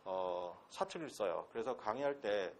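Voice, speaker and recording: With a fairly low voice, lively intonation and normal speed, a man from Pohang, South Korea, gives a classroom lecture as an English instructor at a transfer-exam academy; a little hiss or hum sits under the audio. He speaks in a Gyeongsang accent, blunt and casual, using crude slang and repeatedly asking his students rhetorical questions.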